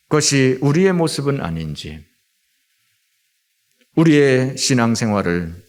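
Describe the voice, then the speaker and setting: A middle-aged man from Seoul preaching a Sunday sermon as pastor in a church, pausing often with filler sounds. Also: a little high. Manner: frequent filler sounds and drawn-out hesitations. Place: church sanctuary.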